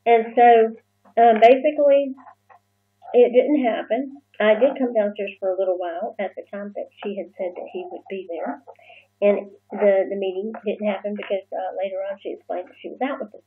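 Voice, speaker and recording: A woman telling a personal story in a casual vlog, halting and full of fillers and restarts. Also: mid-range voice, steady tone. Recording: muffled phone-like lo-fi sound.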